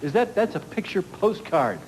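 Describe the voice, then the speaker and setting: A man's voice: high-pitched, sing-song, normal speed, noisy background. An American man presenting a live local TV weather forecast in a folksy, chatty, jokey way, like a hometown news anchor.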